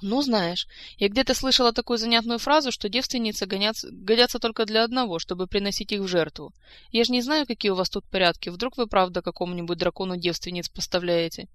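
A woman's voice: mid-range voice, fast, fairly bright tone, dry recording, close to an everyday voice. A woman reading aloud, voicing a blunt, sarcastic young woman. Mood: wry. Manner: blunt, wry.

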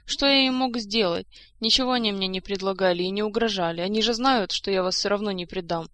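Женщина читает за встревоженного молодого придворного. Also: female voice, mid-range voice, fairly bright tone, no echo, natural voice. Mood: tearful. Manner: anxious, quick questions. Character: young man, loyal friend and courtier.

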